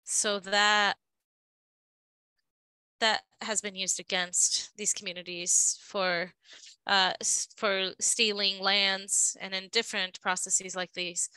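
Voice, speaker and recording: A woman giving a live interpretation of a panel discussion, halting and often restarting her phrases. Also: medium pitch, flat delivery, sharp tone, clean tone, dry recording, rough recording.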